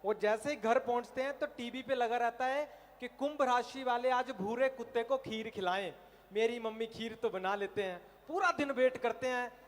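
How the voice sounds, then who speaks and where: A man from Himachal Pradesh doing animated stand-up comedy on an outdoor festival stage, telling stories. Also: extremely high pitch. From Himachal Pradesh, India. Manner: animated storytelling, puts on animal and cartoon voices. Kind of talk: stand-up comedy at a college fair.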